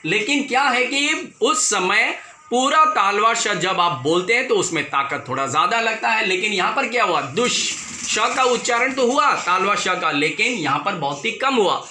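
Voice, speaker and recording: A man teaching children, explaining patiently and repeating words slowly so they can pronounce them along. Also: sits high, expressive, bright, forceful tone, reverberant, a little hiss or hum. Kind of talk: slow classroom explanation to children.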